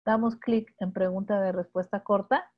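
A woman's voice: mid-range voice, steady tone, moderate pace. A woman with a Mexican accent leading a live webinar tutorial, explaining step by step and checking in with her listeners. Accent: Mexican Spanish. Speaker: instructor. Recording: dull lo-fi webinar audio.

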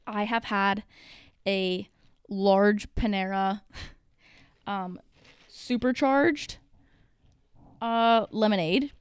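A young woman in her twenties talks through a solo podcast episode in a loose, rambling way, full of "like" and the occasional swear. She sounds a little out of breath. Her voice is smooth and clear, recorded close and dry with no room sound. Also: mid-range voice, very slow, pauses often, dry recording. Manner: chatty and rambling, with many fillers and casual swearing. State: out of breath from caffeine. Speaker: podcast host. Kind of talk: casual solo podcast monologue.

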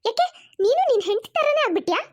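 A woman voicing an older mother-in-law in a cartoon, speaking slowly and reproachfully. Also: extremely high pitch, sing-song. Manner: slower, reproachful.

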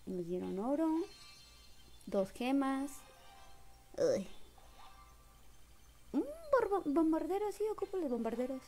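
Give me a Mexican woman chatting slowly over her gameplay, her voice sitting a little high, and let her burst out in excited squeals. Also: soft background music. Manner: excitable, bursts into shrieks and laughter, greets viewers warmly. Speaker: live-streamer. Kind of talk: casual live gameplay commentary.

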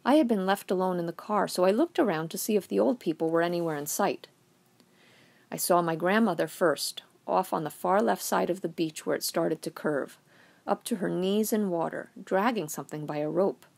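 Woman reading a story with a gravelly voice. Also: lowish voice, normal speed. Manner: wry first-person narration. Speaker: reader. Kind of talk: audiobook reading of a short story.

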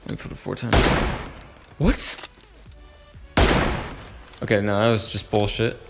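A young man casually commentating his own mobile game, muttering to himself with sudden excited yelps and growing frustration. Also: fairly low pitch, a little slow, vocal fry, over loud music. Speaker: gaming channel host.

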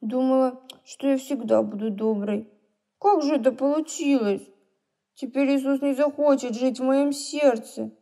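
Lady doing a high little girl voice, lively and hot-tempered, exclaims a lot, storybook. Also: measured pace. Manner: emotional, exclaiming, tearful.

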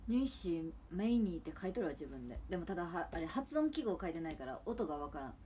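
Young woman w/ chatting on stream, lowish voice, rambly, faint hiss behind. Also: very animated, very fast, a little mellow. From Japan. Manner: rambling, chatty, trailing off to near mumbles. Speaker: idol livestreamer. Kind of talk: casual livestream chat.

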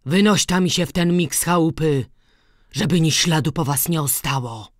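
A woman voicing a furious, domineering old peasant farmer who shouts harsh orders in rural dialect. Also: deep voice, slow pace, clear, resonant tone, no echo, studio quality. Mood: furious shouting.

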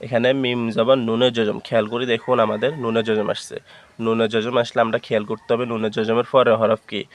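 A man teaching Quran reading, spelling out each letter and vowel mark, then slowly blending the syllables into words. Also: medium pitch, little pitch movement, slight background noise.

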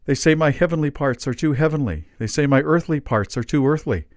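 A man's voice: fairly high pitch, a little fast, no room sound, studio quality, pitched above the performer's own voice, close to an everyday voice. Father Christmas, feeble and dying as a man voices him. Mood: plaintive. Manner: weak, plaintive, bewildered.

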